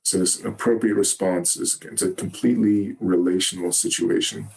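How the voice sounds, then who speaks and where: A man giving a Zen dharma talk, gentle and halting, often pausing to search for words. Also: sits low, steady tone. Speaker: Zen teacher. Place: meditation hall.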